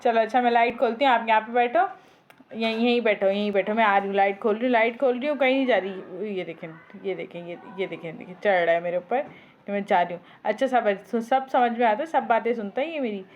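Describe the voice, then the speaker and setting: A woman's voice: on the high side, fast talker. A woman from Pakistan talking through her home cooking in a casual, rambling way, full of fillers and restarts. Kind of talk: casual chatty narration. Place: home kitchen. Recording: slightly dull home recording with noise. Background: pet parrot squawking.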